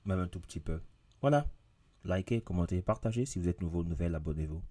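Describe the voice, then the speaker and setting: A man's voice: low-pitched, lively intonation, fast, mellow. A man teaching in a casual video lesson, talking straight to his viewers and repeating his points with emphasis. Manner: repetitive, emphatic, addresses viewers directly. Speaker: English teacher.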